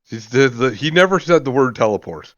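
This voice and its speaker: A man's voice: medium pitch, animated, fairly quick, a bit bright, no echo. A man playing a tabletop game, cracking dry jokes in casual chat. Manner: joking, dry quips. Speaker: player. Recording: dull lo-fi voice chat mic.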